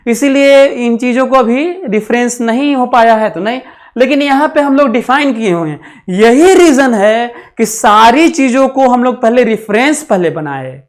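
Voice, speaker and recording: A man's voice: extremely high pitch, animated, normal speed. A man teaching a physics lecture, repeating phrases, asking the class questions and dictating notes as he mixes English terms into his talk. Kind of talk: classroom lecture for exam students.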